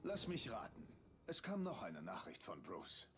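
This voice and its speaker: A man's voice: lowish voice, wildly swooping pitch, a little slow, a little hiss or hum. A man playing a grim, determined human ranger in a fantasy video game.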